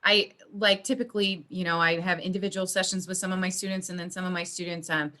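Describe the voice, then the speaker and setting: A woman's voice: lowish voice, fairly even intonation, quick pace, bright, forceful tone. A woman working as a school social worker, talking in a rambling way with many restarts during a video meeting. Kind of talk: casual video meeting chat. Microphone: video call.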